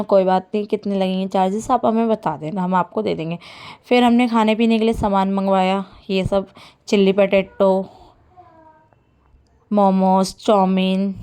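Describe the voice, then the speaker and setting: A young woman chatting excitedly as a vlogger, telling friends about a day out and laughing often. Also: mid-range voice, clean tone. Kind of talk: casual vlog chat. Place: inside an auto-rickshaw on the road. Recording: loud road and vehicle noise.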